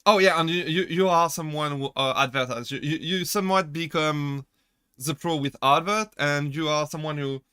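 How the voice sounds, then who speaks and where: A man's voice: on the high side, moderate pace, sharp tone, smooth, no room sound, studio quality. A man streaming as a VTuber, chatting casually, rambling, correcting himself and laughing often as he answers chat.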